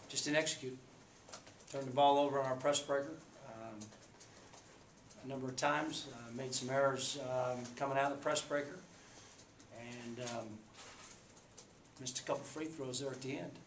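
Speaking into a table mic in a small indoor press room, a forties-aged basketball coach answers after a loss, sounding subdued and stumbling through plenty of fillers. His voice is mid-range with fairly even intonation. The room echoes and a faint hum runs in the background.

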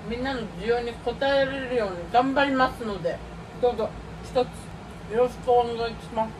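A woman's voice: on the high side, steady tone, a little fast. Young woman vlogger, mouth full while talking, mic far off, noisy room. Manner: chatty, talking while eating. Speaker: YouTuber. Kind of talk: casual mukbang vlog talk. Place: home, indoors.

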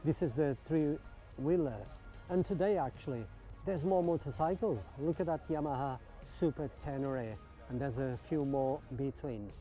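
A man's voice: on the high side, normal speed, music in the background. A man giving casual, enthusiastic walkaround commentary in an outdoor car park, admiring things and asking his viewers questions. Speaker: vlogger touring a car meet.

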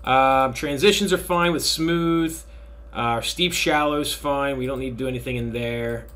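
A man walks through a machining software tutorial in an easygoing, unhurried voice of middle pitch. He thinks aloud, pauses with fillers and talks to his students like an instructor. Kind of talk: software tutorial screen recording.

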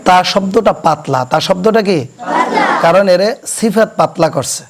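A man teaching children to pronounce Arabic letters, explaining slowly and quizzing his pupils so they repeat after him. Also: high-pitched, animated, some chatter behind, slight background noise. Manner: asks questions and has pupils repeat; slow, deliberate explanation. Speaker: Quran teacher. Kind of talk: classroom recitation lesson. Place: madrasa classroom.

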